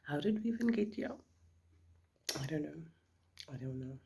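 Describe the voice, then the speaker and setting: A middle-aged South African beauty vlogger, Afrikaans being her first language, chats casually in South African English while doing her makeup, often slipping into a whisper. Her low, gravelly voice is warm, with lively intonation and a moderate pace. A little hiss or hum sits in the background.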